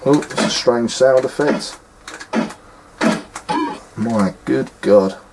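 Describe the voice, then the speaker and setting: A man talks through a game he clearly despises, exasperated and scornful, trailing into fillers as he plays. His voice sits at an ordinary middle pitch. A steady hiss and clicking sit under the whole recording. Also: very slow. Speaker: retro game reviewer. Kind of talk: casual gameplay commentary.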